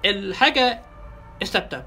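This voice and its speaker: A man with an Egyptian Arabic accent giving a casual software tutorial, talking fast and asking his listeners rhetorical questions. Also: high voice, animated. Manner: quick, chatty, addresses listeners directly with rhetorical questions. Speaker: software instructor. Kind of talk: tutorial lecture.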